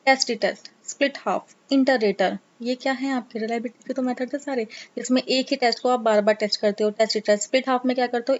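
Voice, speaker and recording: Casual exam-prep teacher, a woman, teasing and coaxing, higher voice, muffled audio. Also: a little mellow. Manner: chatty, coaxing, teasing students; mixes English terms into Hindi. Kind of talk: casual Hindi lecture. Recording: dull lo-fi sound.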